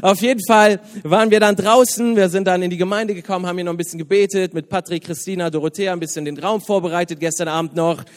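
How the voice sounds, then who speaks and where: A man's voice: high voice, fast talker, few pauses, in a large hall. A man in his thirties, a youth pastor, giving a casual, joking sermon in church. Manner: chatty, joking, lively, laughs often. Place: church hall.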